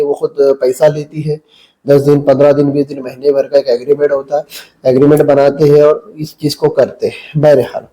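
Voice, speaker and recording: Speaking to camera in a poor-quality recording, an Islamic cleric, a male mufti, tells a story before moving into blunt, combative preaching and lecturing. His voice runs slightly high and has a dark tone.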